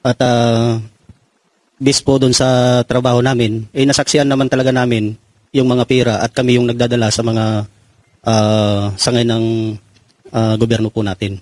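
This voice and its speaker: Flat, formal man answering a panel. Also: medium pitch, moderate pace, long pauses, no room sound. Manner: formal, steady, hesitant fillers.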